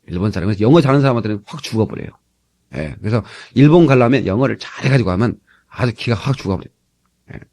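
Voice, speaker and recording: A Korean pastor delivers a sermon, lively and funny, often turning aside to address his congregation, captured on an old cassette tape. His voice is medium-pitched and gravelly, and he talks very fast.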